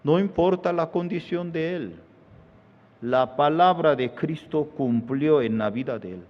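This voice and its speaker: Pastor preaching slow, squeaky voices for the characters, echoey church hall, kinda muffled. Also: male voice. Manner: animated storytelling, jumping into high squeaky voices for quoted people. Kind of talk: sermon with acted-out anecdote. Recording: dull sound in a reverberant church hall.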